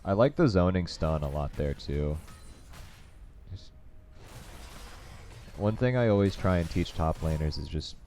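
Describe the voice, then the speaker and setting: Deep mellow male esports caster. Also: a little slow, long pauses. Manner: steady analytical play-by-play, coaching asides. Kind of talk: play-by-play game commentary.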